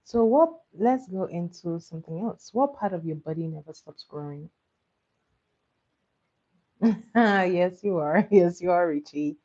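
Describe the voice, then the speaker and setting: A woman's voice: fairly low pitch, unhurried, long pauses, dark tone, muffled recording. A woman from Nigeria, sleepily hosting a live trivia stream and patiently repeating each question for her viewers. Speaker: livestream quiz host.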